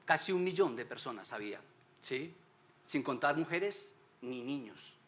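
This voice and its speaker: A man's voice: mid-range voice, lively intonation, a little slow, a bit bright. A man teaching a Sunday Bible class at church, often putting rhetorical questions to his listeners. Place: church meeting room.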